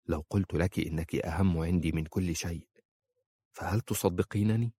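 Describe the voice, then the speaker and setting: A man reading an audiobook and voicing a calm, devoted young man who speaks quietly and firmly. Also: deep voice, moderate pace, slightly rough. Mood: tender. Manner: quiet and firm. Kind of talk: audiobook character voice.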